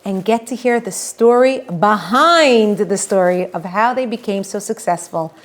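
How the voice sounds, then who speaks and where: A woman's voice: mid-range voice, unhurried. A woman hosting a podcast interview, chatty and bubbly, laughing often as she reacts to her guest. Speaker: podcast host. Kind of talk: casual interview chat.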